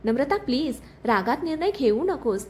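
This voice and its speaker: A woman's voice: high-pitched, sing-song, normal speed. A woman voicing a remorseful young husband who speaks in an earnest, pleading way.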